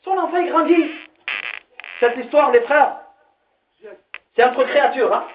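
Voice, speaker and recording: A man's voice: extremely high pitch, unhurried. A man preaching a sermon as a dramatic story, repeating phrases for effect. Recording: roomy, distant, dull, faint noise.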